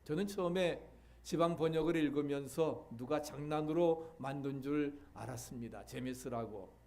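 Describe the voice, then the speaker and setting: A middle-aged man from Seoul, a pastor delivering a sermon in a measured way, pausing often with fillers. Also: on the high side, mellow. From Seoul, South Korea. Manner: measured preaching with frequent filler pauses.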